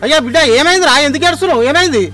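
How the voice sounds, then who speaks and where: Man as fretful Telangana village dad, loud and pleading, high-pitched and quick, music underneath. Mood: anxious. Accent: Telangana Telugu. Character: worried village father, protective of daughter. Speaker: father. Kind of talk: village family drama acting.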